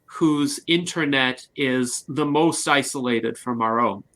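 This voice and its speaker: A man hosting an interview, speaking in long, formal, measured sentences. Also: mid-range voice, a bit bright. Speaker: interview host.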